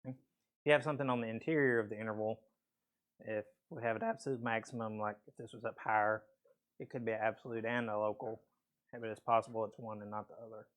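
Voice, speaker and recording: A man's voice: lowish voice, steady tone, fast talker, a bit bright. A man teaching a math class, explaining step by step in a casual way with frequent okays, his voice a bit weak and a peppermint in his mouth. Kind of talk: classroom lecture.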